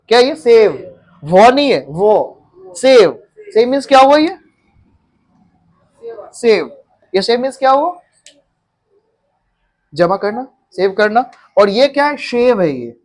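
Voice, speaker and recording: A man, teaching a pronunciation class and often quizzing his students. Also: extremely high pitch. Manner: repeats words and quizzes students. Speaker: English teacher. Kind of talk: classroom lesson.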